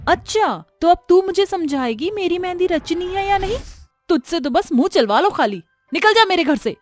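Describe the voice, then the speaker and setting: A woman voicing a cruel, scornful young daughter-in-law in a storybook tale, with a shrill, sneering manner. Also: lively intonation, normal speed, faint music behind. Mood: scolding. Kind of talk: storybook voice acting.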